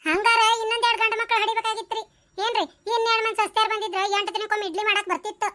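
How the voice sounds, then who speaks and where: A woman's voice: extremely high pitch, little pitch movement, very fast, bright, forceful tone. A woman voicing a cheeky, sarcastic young village daughter-in-law in a cartoon comedy, with a North Karnataka Kannada accent. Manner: argumentative, sarcastic back-talk.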